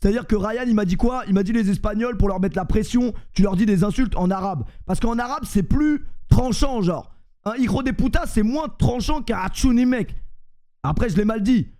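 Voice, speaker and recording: A young man with a French accent streams to his chat, joking and rambling. His voice sits high but sounds dark and mellow, and he keeps poking fun at himself. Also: normal speed. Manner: joking, rambling, self-mocking.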